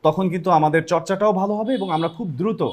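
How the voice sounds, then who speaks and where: A man's voice: high-pitched, rapid-fire. A man hosting a classroom lesson. He mixes Bengali with English and speaks directly to the students. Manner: upbeat, addresses students directly. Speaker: classroom program host.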